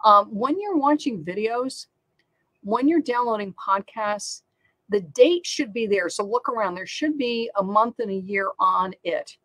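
Upbeat middle-aged lady chatting about selling, lots of ums and repeats, mid pitch, dry sound. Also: a little slow, fairly bright tone, no room sound, rough recording. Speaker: online selling coach and channel host. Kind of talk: casual talk to camera.

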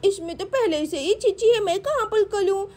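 A woman's voice: very high-pitched, animated, normal speed, darkish tone. A woman voicing a fussy young village girl who complains and insists.

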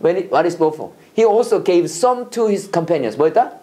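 A man teaching a preachy Bible English lesson to a class, animated and leading call-and-response while mixing English and Korean. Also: sits high, drawn-out words.

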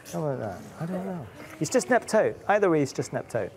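A man's voice: on the high side, very animated, quick pace, darkish tone, a little hiss or hum. A middle-aged man, an author reading his picture book aloud to children, playful and full of questions for them.

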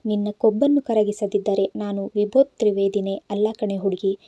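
Woman voicing a raging young boss, sarcastic, shouting threats, dark mellow tone. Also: medium pitch, steady tone, moderate pace, no echo, studio quality, close to an everyday voice. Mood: furious. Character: arrogant, short-tempered young male boss.

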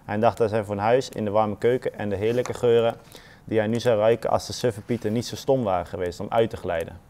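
A man reads a children's story in a calm, unhurried storybook style. His voice sits low and sounds mellow and dark. Quoted thoughts drop into soft, muttered asides. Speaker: footballer reading a children's story. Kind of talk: storybook reading.

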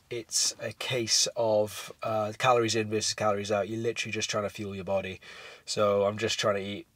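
A man's voice: mid-range voice, dry recording. Young man chatting from a parked car. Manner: relaxed, explanatory, frequent fillers. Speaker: hiking vlogger. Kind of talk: casual talk to camera. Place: parked vehicle, indoors.

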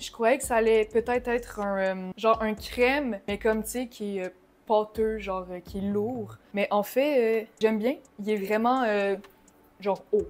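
Chatty young Québécoise, higher voice. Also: female voice. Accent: Québécois French. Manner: chatty, mixes in English slang and swearing; bursts of excitement. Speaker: vlogger. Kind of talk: casual haul vlog.

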